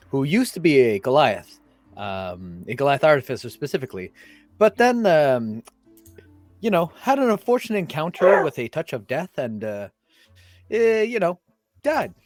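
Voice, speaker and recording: A laid-back man describes his character on a live game stream, pausing often on ums. The sound is dry and close, his pitch rising and falling freely, with faint music under it. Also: dry recording. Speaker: player. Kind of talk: casual live-stream chat.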